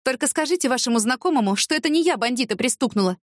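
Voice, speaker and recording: A woman voicing an excitable young woman in trouble, speaking in anxious exclamations. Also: high voice, racing, dry recording, studio quality, pitched above the performer's own voice.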